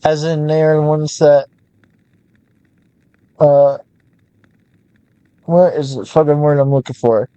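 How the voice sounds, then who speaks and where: A young gamer reads the story text aloud at a slow, storybook pace, then slips into loose, profane chatter. His voice sits somewhat high. The recording is close and completely dry. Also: fairly even intonation, mellow, clear, resonant tone, dry recording. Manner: slow storybook reading that breaks into loose, swearing asides. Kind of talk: casual let's-play commentary.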